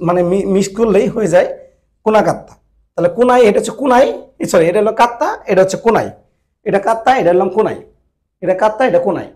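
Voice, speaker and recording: A man with a fairly high, light voice teaches a grammar lesson. He repeats each rule several times and keeps checking that his listeners follow. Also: darkish tone. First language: Bengali. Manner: repetitive, checks understanding often. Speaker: Japanese language teacher. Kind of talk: classroom-style grammar lesson.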